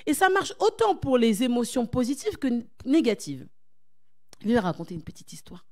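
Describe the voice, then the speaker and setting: A woman's voice: on the high side, very animated, normal speed, darkish tone. A woman speaking as a coach at a church conference, urging her listeners on with repeated phrases and questions to the audience. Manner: exhortative, repetitive emphasis.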